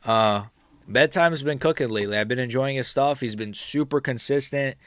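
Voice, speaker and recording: Streaming live, a young MMA YouTuber from the United States in his early twenties answers questions from chat in a loose, rambling way, laughing and using lots of fillers. He talks at a normal speed in a clear, resonant, slightly bright mid-range voice.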